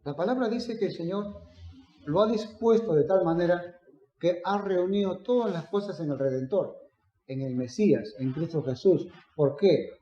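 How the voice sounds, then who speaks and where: A man preaching a sermon, swinging between loud emphatic declarations and quiet storytelling. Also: high-pitched, moderate pace. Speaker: pastor. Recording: echoey room, dull lo-fi sound.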